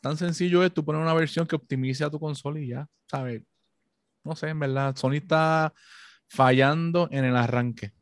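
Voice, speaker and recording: A man, a co-host on a casual gaming podcast, loud and insistent, talking over the others. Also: a little high, fairly even intonation, moderate pace, no room sound, studio quality.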